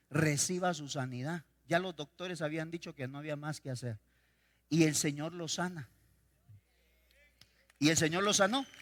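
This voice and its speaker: A male pastor preaching a sermon, swinging between loud declarations and quiet storytelling. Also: on the high side. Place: church sanctuary. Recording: reverberant church hall.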